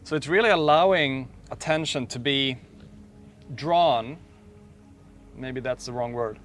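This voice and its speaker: A man speaking as a meditation teacher, guiding a slow, calm meditation with long pauses. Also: medium pitch, faint music behind. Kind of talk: guided meditation talk.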